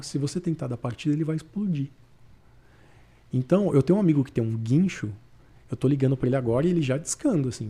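A man's voice: mid-range voice, mellow, husky. A man in a casual podcast interview, telling a story with animation and acting out the dialogue he quotes. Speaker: podcast guest.

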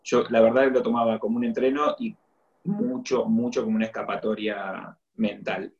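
A man with a Latin American Spanish accent chatting casually and hesitantly, with pauses. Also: medium pitch, a little mellow, lo-fi sound. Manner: hesitant, pausing. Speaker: athlete guest. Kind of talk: casual conversation.

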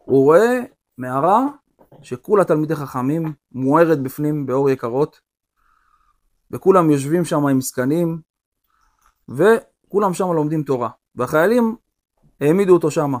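A male rabbi telling a story during a religious lesson, in an animated storytelling manner. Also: a little high, long pauses.

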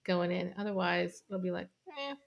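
A woman hosting a podcast in an easygoing, casual conversation. Her voice sits at an ordinary pitch. She tosses in short acted-out asides as she talks. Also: brisk, fairly bright tone. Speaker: podcast host. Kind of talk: casual chat.

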